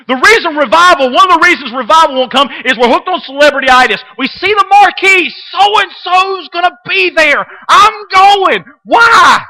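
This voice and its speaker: A middle-aged man teaching a Sunday class in a church classroom, preaching with passion, repeating himself and swinging from hushed asides to loud outbursts. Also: extremely high pitch, rough recording. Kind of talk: sermon. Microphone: webcam.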